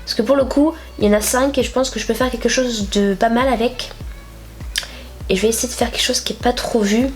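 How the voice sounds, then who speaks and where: With faint music behind her, a young woman from France speaks at a brisk pace in a higher-than-average voice with fairly even intonation. She's a beauty vlogger with a cold, so she sounds nasal and stuffed up as she rambles chattily through a makeup tutorial, dropping filler after filler.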